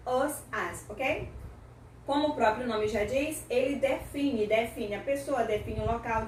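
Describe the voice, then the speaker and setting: A woman's voice: high-pitched, distant mic, a little hiss or hum. A Brazilian woman teaching an English lesson, explaining patiently and checking in often with her listeners. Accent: Brazilian Portuguese. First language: Portuguese. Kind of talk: language lesson. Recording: echoey room, voice from off-mic.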